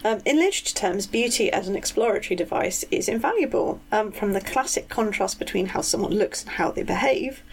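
A woman's voice: mid-range voice, animated, brisk, hardly any pauses, a little hiss or hum, low-quality recording. A woman co-hosting a podcast, chatting casually about books and writing, given to ranting with lots of fillers. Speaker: podcast co-host.

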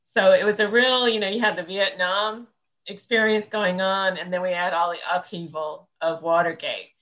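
A woman in her sixties from central Illinois, appearing as an interview guest, looks back on the past in a rambling, thoughtful manner full of fillers. Her mid-range voice is steady and a bit bright at normal speed, though the audio is poor.

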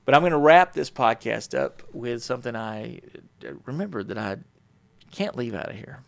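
A middle-aged man talks through a solo podcast episode, circling back and correcting himself as he tells a story. His voice has a gravelly edge. The recording is close and dry, with no room sound. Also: medium pitch, animated, normal speed, no echo. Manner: rambling, self-correcting, warm storytelling with frequent fillers. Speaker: podcast host.

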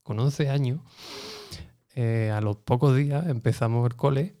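Guy from telling his story, earnest and lively, mellow warm voice. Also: mid-range voice, measured pace. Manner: earnest, lively, acts out dialogue. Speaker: interview guest. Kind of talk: animated personal storytelling.

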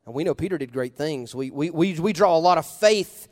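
A man's voice: fairly high pitch, animated, a little fast. Preaching man in a reverberant hall. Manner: conversational preaching with rhetorical questions and sudden loud emphasis. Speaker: pastor. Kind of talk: sermon.

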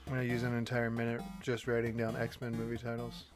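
A man's voice: medium pitch, monotone, quick pace, music in the background. A man playing a movie trivia game, joking around and laughing often in casual chat. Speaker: game player.

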